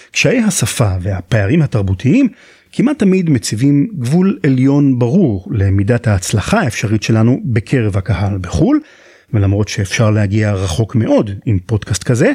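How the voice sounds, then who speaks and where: Israeli male podcast host for scripted explanatory narration; animated pitch, dry close sound. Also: breathy edge, no echo.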